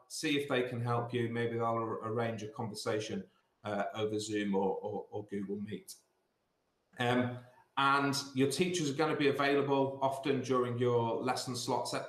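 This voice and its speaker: This medium-pitched, middle-aged British man, a school sixth form director, gives an assembly talk about exam revision on a video call, repeating points as he advises. He uses a computer mic in a small indoor office, and the call sounds roomy and echoey.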